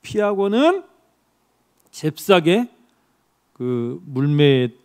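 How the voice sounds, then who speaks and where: Guy pastor preaching, high-ish voice, storytelling style, keeps asking the congregation questions. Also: extremely slow, clean tone. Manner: lively storytelling, acts out dialogue, asks the congregation questions. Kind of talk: sermon.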